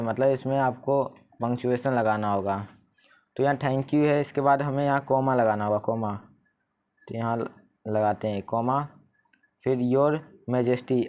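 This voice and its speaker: A young man teaching an exam paper, explaining each answer step by step and reading the sentences slowly. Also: medium pitch, a little mellow. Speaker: English tutor. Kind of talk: exam paper walkthrough lesson.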